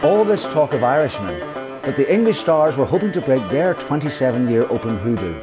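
A man's voice: mid-range voice, sing-song, fairly quick. A man reading scripted narration for a sports documentary. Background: background music.

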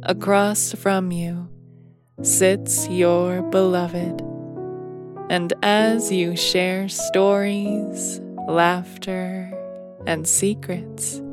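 A woman's voice: lowish voice, flat delivery, drawn-out words. A woman narrating a bedtime story in a soothing manner, as if tucking the listener in to sleep. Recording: piano music behind. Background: soft piano music.

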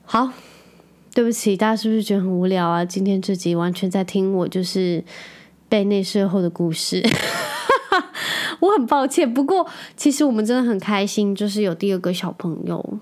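Woman, 30s, podcast host, casual solo chat, animated, chatty, mid-pitched. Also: fairly quick. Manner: chatty, animated storytelling with playful quoted voices.

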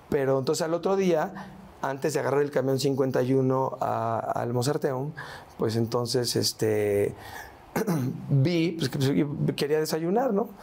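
A man with a Mexican accent speaks as an interview guest, his voice at a middle pitch with a gravelly, creaky edge. He talks in slangy, casual storytelling. He keeps tagging his sentences with "¿no?" and "güey". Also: a little mellow. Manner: slangy, tags lines with "¿no?" and "güey".

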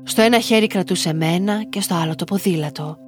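Woman calmly narrating over soft music. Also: on the low side. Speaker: storyteller reading a listener's story. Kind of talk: scripted first-person narration.

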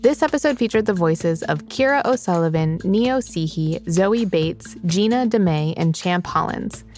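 A woman hosting a children's cooking podcast, reading scripted announcements and credits clearly and in a friendly way. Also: fairly low pitch, animated, normal speed, darkish tone, soft background music. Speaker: podcast host.

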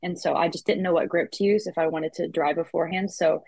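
A woman's voice: on the low side, fairly even intonation, fast, gravelly, a little mellow, breathy edge, no echo, poor audio. A woman in her twenties, a guest in a casual interview, talking chattily with frequent restarts and fillers. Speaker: guest athlete.

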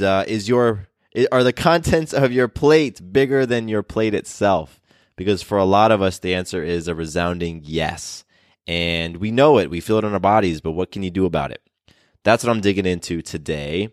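Upbeat deep-voiced male podcast host. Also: dry recording, clean studio sound. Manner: upbeat, chatty, with fillers and restarts. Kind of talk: casual solo podcast talk.

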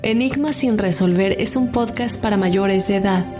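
A woman's voice: medium pitch, normal speed, over music. A woman hosting a podcast, talking casually and chattily with fillers. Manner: chatty, warm-hearted, with fillers. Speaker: podcast host.

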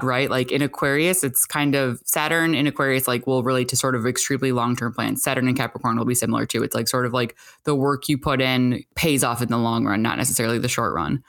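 A woman co-hosting a casual chat show, explaining astrology in a loose, rambling way full of "like" and "sort of". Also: a bass voice. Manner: chatty, hedging with many "like"s and "sort of"s. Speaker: astrologer co-host.

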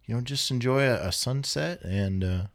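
A man co-hosting a comedy podcast who talks in a halting way, full of "uh" and "you know". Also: mid-range voice, vocal fry. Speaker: podcast co-host. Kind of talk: comedic banter.

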